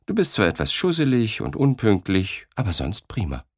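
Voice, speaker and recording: A man voicing a kind, chatty guardian angel in an audiobook, speaking softly and in a friendly, confiding way. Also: lowish voice, wildly swooping pitch, moderate pace, husky, no echo, studio quality, pitched above the performer's own voice, full character voice. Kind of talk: audiobook character voice.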